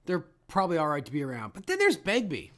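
A man's voice: on the high side, huge pitch swings, fast, fairly bright tone. A man chatting casually about films as a podcast co-host, blunt and freely swearing. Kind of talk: casual film discussion.

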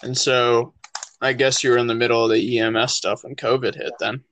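A man's voice: mid-range voice, little pitch movement, brisk, a bit bright, slight background noise. A man interviewing a guest casually, answering with short easygoing affirmations and simple questions.

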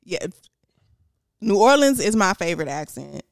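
A woman with a Houston accent co-hosts a casual podcast. She talks frankly and animatedly, her pitch swinging widely and often breaking into laughter. The sound is close and dry. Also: very animated, normal speed, gravelly, dry recording. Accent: Houston Texas. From Houston, Texas. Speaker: podcast co-host. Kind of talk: casual chat.

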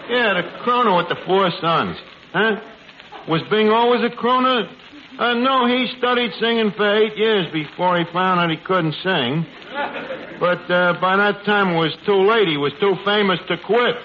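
The lead comic actor in a 1940s radio sitcom plays a cocky, working-class New bar manager who mangles his words in hesitant, slangy speech. His high voice is lightly acted at a moderate pace, breezy and wry, on a muffled, noisy old broadcast with an audience.

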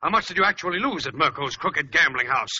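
Stern older father, husky, raised voice, lo-fi. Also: a little high, lively intonation, fast talker, bright, forceful tone, full character voice. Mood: scolding. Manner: scolding and stern. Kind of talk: 1930s radio acting. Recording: dull lo-fi old radio recording.

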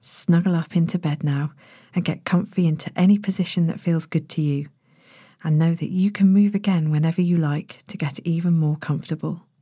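A woman narrating a sleep story as a guided relaxation, in a gentle, hushed and breathy manner with long pauses. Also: deep voice, steady tone, no room sound, clean studio sound. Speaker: podcast host, sleep meditation narrator.

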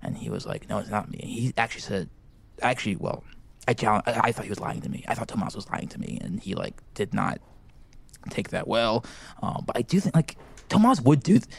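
A man's voice: fairly low pitch, expressive, a little fast, creaky, breathy edge, heavily acted. A man playing an awkward, eager teenage boy hosting a school podcast, whispering into a handheld mic in a library and rambling with lots of fillers. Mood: hushed excited. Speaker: podcast host. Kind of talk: scripted comedy podcast. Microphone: handheld microphone.

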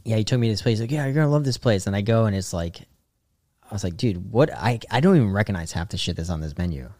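A man's voice: fairly low pitch, animated, fast, darkish tone, no room sound, studio quality. A young man from the Boston suburbs, a guest telling stories in a rambling, filler-heavy casual chat. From Boston suburbs, USA. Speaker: guest, comedian.

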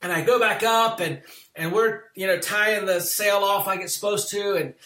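A man casually recounting an ordeal at sea in an interview, animated and full of fillers. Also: high-pitched, normal speed. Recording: roomy sound with music underneath.

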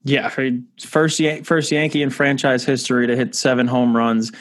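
A man's voice: mid-range voice, moderate pace. Man chatting baseball on a podcast. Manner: relaxed, chatty, frequent restarts. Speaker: podcast co-host. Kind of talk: casual sports podcast chat.

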